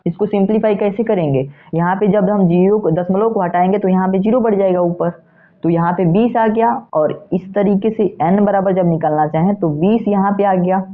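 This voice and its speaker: A male physics teacher talks through an exam problem step by step. He asks questions and answers them himself, and keeps checking in with the listener. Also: sits high. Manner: repeats steps, with frequent "theek hai" checks. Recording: tinny phone-like sound.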